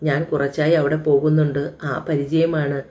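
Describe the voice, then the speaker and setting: A tender young widow from an audio storybook, as a woman narrator voices her, soft and sorrowful, holding back her grief. The voice is mellow and dark in tone. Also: deep voice, little pitch movement, normal speed, lightly acted.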